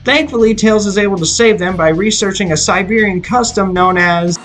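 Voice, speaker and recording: A man with a high voice, speaking at normal speed, reads a scripted film review as a video reviewer, opinionated and explanatory. Background music plays underneath.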